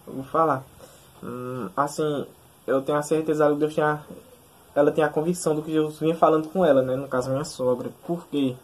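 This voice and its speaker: A man's voice: on the high side, fairly even intonation, brisk. A young man telling his side of a personal story casually, searching for words and often adding tag questions. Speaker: testimony speaker. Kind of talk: casual conversational testimony.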